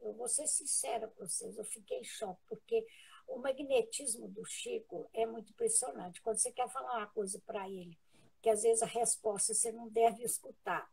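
A woman with a Brazilian Portuguese accent, a guest in a live interview, telling a personal story in an earnest, halting way with many restarts. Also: on the high side, creaky, dark tone, slightly rough, low-quality recording.

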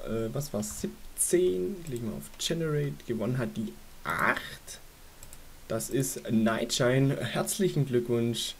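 A man's voice: mid-range voice, darkish tone. A young man giving informal, chatty gaming commentary, thinking aloud as he goes. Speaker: gaming YouTuber hosting a giveaway draw. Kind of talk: casual screen-recording commentary. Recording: hissy home microphone recording. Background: faint hiss.

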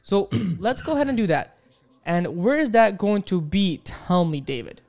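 A young Ukrainian man hosts a live coding lesson, sounding animated at a moderate pace with a darkish tone. He chats with viewers as he types, staying upbeat and exclamatory and repeating "boom" and "beautiful." He streams from a small home studio with headphones and an arm-mounted studio mic.

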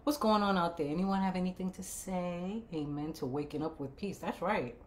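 A woman's voice: fairly low pitch, moderate pace, slight background noise. A woman in her fifties hosting a casual livestream chat, playful and emphatic, cheering viewers on with repeated phrases. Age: 50s. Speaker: livestream show host.

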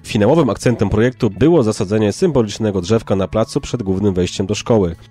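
A man reading scripted local news in a measured, formal way. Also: lowish voice, dark tone, breathy edge. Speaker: news narrator. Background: background music.

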